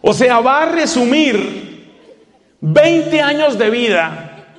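A man's voice: very high-pitched, very animated, takes it slowly, fairly bright tone, big-room sound. A man, a priest, preaching a sermon and telling stories, acting out the people in them. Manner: storytelling, acting out scenes.

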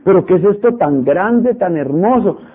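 High husky-voiced preacher on tinny radio. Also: male voice, moderate pace. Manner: animated, mimics stubborn voices, repeats phrases for emphasis. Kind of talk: sermon. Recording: tinny phone-like radio broadcast.

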